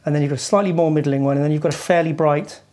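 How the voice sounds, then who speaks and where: A man's voice: a little high, fairly even intonation, racing, a little mellow. A man co-hosting, explaining guitar gear in a loose, casual way with lots of fillers and restarts. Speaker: co-host demonstrating guitar gear. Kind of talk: casual chat with a gear demo. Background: faint guitar playing.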